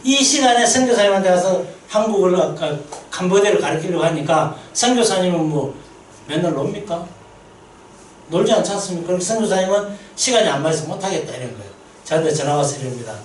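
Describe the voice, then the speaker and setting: A fast-talking man with a high voice preaches in a church sanctuary as a missionary pastor at a mission meeting. He mixes lively storytelling with questions for the congregation; the distant recording is reverberant, slightly hissy, and poor overall.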